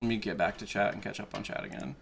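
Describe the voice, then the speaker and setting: A man's voice: on the low side, steady tone, fast talker, creaky, a bit bright, a little hiss or hum. A man chatting casually on a livestream as an enthusiastic fan, swearing now and then. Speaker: streamer, video creator. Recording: music playing behind the voice. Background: background music.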